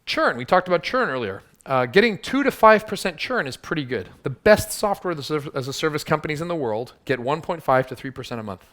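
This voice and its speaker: Guy rattling off a workshop talk real fast, punchy, teases the crowd. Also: fairly high pitch, lively intonation, a bit bright. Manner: punchy, teasing the audience. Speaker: workshop speaker. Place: workshop room with audience.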